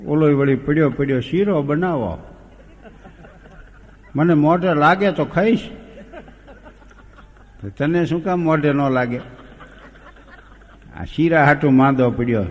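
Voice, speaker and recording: A man's voice: medium pitch, a little mellow. A man telling folk comedy stories on stage, with a rustic, anecdotal delivery. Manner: rustic anecdotal delivery, acting out characters' lines. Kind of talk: stage humorous storytelling. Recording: long hall reverb.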